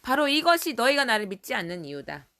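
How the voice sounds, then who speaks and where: A woman's voice: fairly high pitch, big pitch swings, fast talker, bright, forceful tone, pitched above the performer's own voice, exaggerated voice. A woman voicing a stern, solemn man who rebukes a crowd in a storybook retelling, firm and declaiming.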